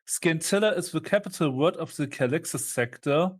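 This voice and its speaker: A man's voice: fairly high pitch, normal speed. A man with a German accent, a player in a tabletop game who talks bluntly and reads names off a page. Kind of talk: casual planning chat for a tabletop game.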